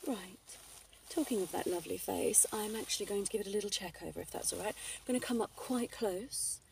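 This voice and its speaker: A woman plays a teasing lady doctor in an ASMR ASMR role-play. Her voice is soft with plenty of creak, coy and a little bossy. It is recorded with noticeable noise, a bit off the mic. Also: medium pitch, brisk, recorded from a distance, natural voice, poor audio. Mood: brisk, playful. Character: flirty, teasing female doctor giving a check-up.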